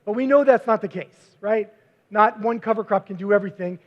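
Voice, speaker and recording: A man, a visiting researcher, giving a conference presentation with slides, talking quickly with frequent fillers. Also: high voice. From United States. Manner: self-described fast talker, frequent fillers. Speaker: visiting cover crop researcher. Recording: dull lo-fi recording.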